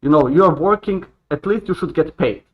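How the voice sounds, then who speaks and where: A man in his late twenties, raised in Croatia, speaks as a podcast guest in a fairly high voice. He talks earnestly and haltingly, often starting sentences over, and the audio comes through dull and lo-fi. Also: expressive. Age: 20s. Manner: earnest, halting, with frequent restarts. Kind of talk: casual conversation. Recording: dull lo-fi sound.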